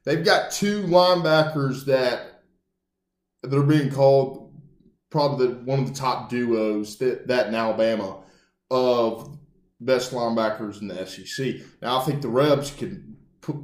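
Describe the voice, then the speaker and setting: Animated male sports podcast co-host. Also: mid-range voice, measured pace. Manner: animated, mock-announcer asides. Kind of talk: casual sports talk. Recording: roomy echo.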